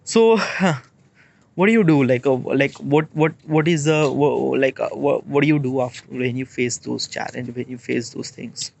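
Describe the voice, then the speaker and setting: A man in his late twenties with an Indian English accent, thinking aloud in a rambling, halting monologue and checking in with "okay?" as he goes. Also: mid-range voice, gravelly, a little mellow. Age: 20s. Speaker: vlogger. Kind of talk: casual reflective monologue.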